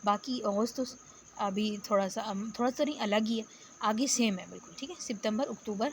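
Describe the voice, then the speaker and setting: Woman teaching a lesson, patient n repeats words slow, mid pitch, bit of cricket noise in back. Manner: patient, explains step by step and repeats words slowly. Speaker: Arabic teacher. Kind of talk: spoken lecture.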